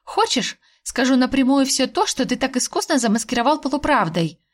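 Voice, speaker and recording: A woman voicing an indignant young wife, sharp and sarcastic, who pleads with her husband. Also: on the high side, expressive, moderate pace.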